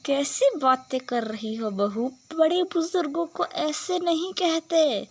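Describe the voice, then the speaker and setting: A proper, mildly reproving mother-in-law from an animated story, voiced by a woman. She speaks in a high voice, very slowly and deliberately. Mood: instructing.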